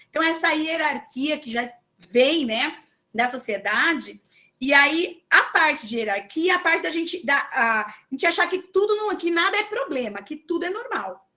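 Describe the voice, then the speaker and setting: A woman teacher giving an exam-prep lesson, talking loudly and emphatically and checking in with her students again and again. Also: sits high. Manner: loud, emphatic, full of "tá?" and "né?" checks.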